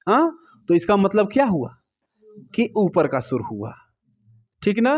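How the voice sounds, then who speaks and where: High-voiced man teaching a music class. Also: sing-song, unhurried, a little mellow. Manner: patient, repetitive, asks students questions. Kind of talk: music lesson explaining swaras to students. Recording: slightly dull, lo-fi sound.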